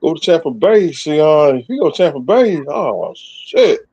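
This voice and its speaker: A man in his fifties joins a casual sports talk, his voice sitting a little higher than most. He speaks in a halting way, pausing often on fillers. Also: sing-song, mellow, husky, dull audio. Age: 50s.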